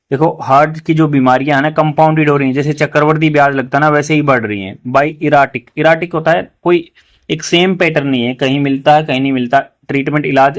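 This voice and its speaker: A man with a slightly high voice and an Indian English accent teaches English vocabulary. He explains word meanings in Hindi in a steady classroom manner. He slows right down whenever he reads an English sentence aloud. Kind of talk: newspaper reading lesson.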